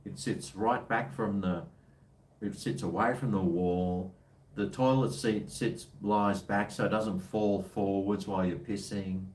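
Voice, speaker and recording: A man with a broad Kiwi accent chats in a loose, slangy way as a co-host. His voice sits fairly low. It is picked up from a distance in an echoey room. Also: steady tone, a little slow, darkish tone. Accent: New Zealand. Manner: blokey, slangy. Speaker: co-host of a casual show. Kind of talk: casual banter. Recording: roomy, distant from the mic.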